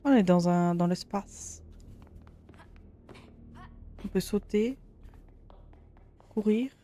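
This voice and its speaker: A woman's voice: medium pitch, extremely slow, dark tone. A young woman casually chatting on a live stream, talking loosely with many fillers while she plays.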